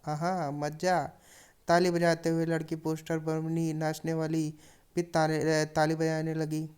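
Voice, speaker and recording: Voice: mid-range voice, completely flat delivery, normal speed, a little mellow, clean tone. A teacher retelling a story chapter for students, with plain narration and casual asides to the class. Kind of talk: explaining a story lesson.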